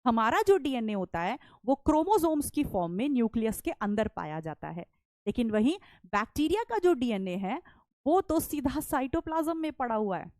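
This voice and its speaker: A woman teacher giving an online lecture, explaining step by step, asking questions and answering them herself, speaking softly and chatting with her students. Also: a little high, very animated, normal speed, no room sound. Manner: chatty, calls students "beta"; soft-spoken, won't shout.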